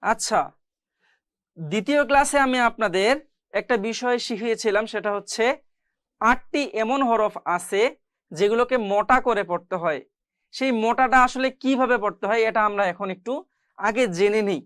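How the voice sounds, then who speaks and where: A woman teaching Quran reading in a slow lesson, patiently repeating each syllable in drills. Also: on the high side, fairly bright tone, dry recording, studio quality. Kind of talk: slow step-by-step recitation lesson.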